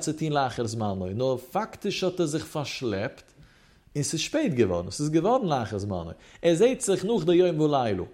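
A man teaching in a rising and falling study-hall chant, his voice sitting a little high but sounding dark and mellow. He weaves Hebrew terms through a lecture on religious law. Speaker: Torah teacher. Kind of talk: Yiddish-inflected Talmud lecture.

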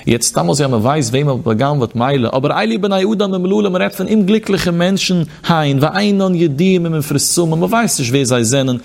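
A man's voice: a little high, expressive, a little fast, gravelly, few pauses, a little mellow. A man giving a Torah lecture with a chanting study cadence and quoted Hebrew passages. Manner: chanting sing-song study cadence, mixing in Hebrew quotations. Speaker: rabbi teaching Torah. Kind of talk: Yiddish-inflected Torah lecture.

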